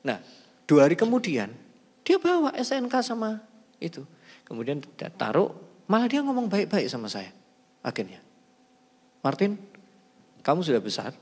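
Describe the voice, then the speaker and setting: Animated man. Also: sits high, normal speed, pauses often, husky. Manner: animated, shifts between soft asides and loud emphasis. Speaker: talk show speaker. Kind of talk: casual storytelling talk. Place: large church hall. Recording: hall with long reverb.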